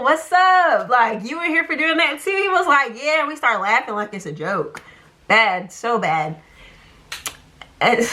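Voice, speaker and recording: Chatty young woman, bright voice. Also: mid-range voice. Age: young adult. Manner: chatty, animated, lots of "like" and "um". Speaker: storyteller. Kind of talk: casual storytime vlog.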